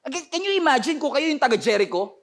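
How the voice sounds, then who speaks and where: A man's voice: very high voice, lively intonation, quick pace, fairly bright tone. A man with a Filipino accent preaching a sermon, telling the story with energy and acting out the voices of the people in it. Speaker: pastor.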